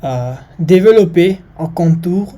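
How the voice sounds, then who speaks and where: Very slow, halting non-native French speaker with foreign accent. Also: mid-range voice, lively intonation, mellow. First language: not French. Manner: halting, searching for words. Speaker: maths video presenter. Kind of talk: informal maths lesson.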